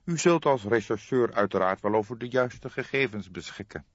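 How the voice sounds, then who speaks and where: For an audiobook, a man voices a haughty, evasive doctor in his late fifties, growling, hemming and drawling with nonchalant hesitation. The mood is evasive and indifferent. His fairly low voice is animated at normal speed and pitched above his own, in a dry recording with the highs cut off.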